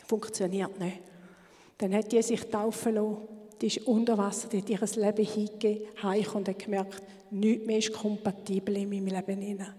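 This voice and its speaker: A woman giving a fervent church testimony, sometimes dropping to a hushed whisper for emphasis. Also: medium pitch, little pitch movement, a little fast. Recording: long hall reverb.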